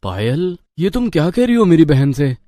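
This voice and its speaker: A man's voice: high voice, animated, normal speed, no room sound, clean studio sound. A man voicing a stern young husband in a cartoon.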